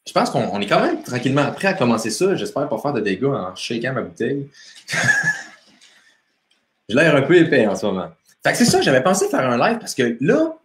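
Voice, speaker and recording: A chatty young man with a Quebec French accent hosts a casual live stream, greeting viewers by name and laughing easily. His mid-pitched voice swings up and down with lots of life. The sound carries a roomy echo. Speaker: motivation coach hosting a live stream. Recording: echoey room.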